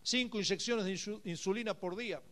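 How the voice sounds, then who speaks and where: A man with a notably high voice preaches a sermon at a live gathering. He sinks into hushed, intimate tones, then builds to loud, fervent exhortation. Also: brisk. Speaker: pastor. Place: speaking at a live congress.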